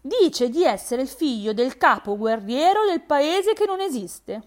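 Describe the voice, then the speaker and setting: A woman's voice: sits high, big pitch swings, measured pace, voice pushed up. A woman voicing a timid, frightened female hare in a spoken fairy tale, pleading and plaintive.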